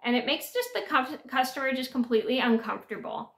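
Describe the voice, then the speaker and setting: A woman's voice: sits high, fairly quick, a bit bright. Earnest woman vlogging from an echoey bedroom. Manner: earnest, repetitive, with frequent restarts and fillers. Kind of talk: casual talk to camera. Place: small bedroom with sloped ceiling.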